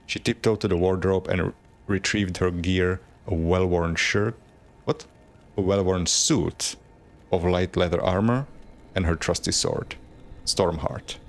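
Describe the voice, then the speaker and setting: A man's voice: deep voice, fairly even intonation, unhurried. A man streaming a game, reading lore aloud in a plain, unacted voice with casual asides.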